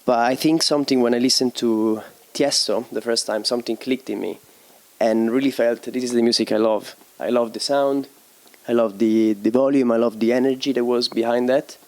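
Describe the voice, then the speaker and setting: With a medium-pitched, steady and slightly mellow voice, this young man from Italy speaks as a DJ and producer guest. He stumbles through interview answers, frequently searching for the right word and quick to laugh.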